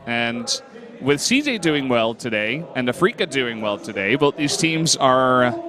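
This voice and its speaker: Male esports color caster, relaxed banter, live crowd noise. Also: medium pitch, unhurried. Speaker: esports commentator. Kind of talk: casual live game commentary.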